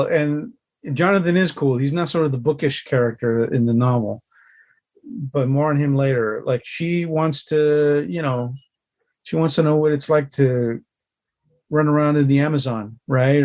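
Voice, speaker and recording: A concept artist in his middle years, from Los Angeles, tells a story with lively animation as a guest on an informal interview, voicing his character's inner thoughts. His voice has medium pitch and a darkish tone.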